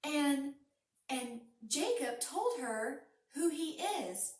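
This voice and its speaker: A woman telling a Bible story to children in an animated, child-directed way, with frequent restarts. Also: high-pitched, extremely slow. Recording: roomy, from a distance.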